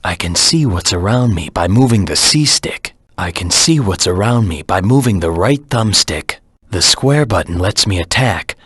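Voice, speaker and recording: A man voicing a brooding, proud hedgehog antihero in a video game, grim and terse, with a low husky rasp. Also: lively intonation, moderate pace, a bit bright, dry recording, clean studio sound, exaggerated voice. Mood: serious, instructing. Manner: grim, terse, self-serious. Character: brooding, proud anthropomorphic hedgehog antihero, the ultimate life form. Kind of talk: video game character voice lines.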